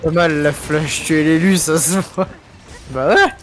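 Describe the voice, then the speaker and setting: A man's voice: fairly high pitch, fairly even intonation, normal speed, faint music behind. A young man streaming a video game, joking and teasing his co-player in casual chat.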